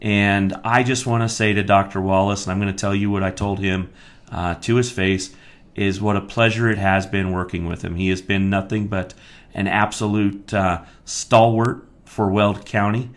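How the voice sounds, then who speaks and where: An American man hosting a live stream as a county commissioner, talking emphatically and getting worked up, then speaking in a halting way with many fillers. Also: lowish voice. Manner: worked-up, emphatic, rising to near-shouting; many fillers and restarts when calmer. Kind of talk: live-streamed political talk.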